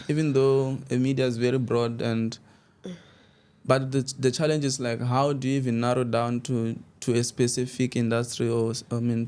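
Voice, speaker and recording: Here a young Xitsonga-speaking man from Limpopo, South Africa, chats as an interview guest who founded a student media outlet. His voice is mid-range, somewhat dark, clear, and resonant. The talk is loose and rambling, broken by frequent restarts and laughter.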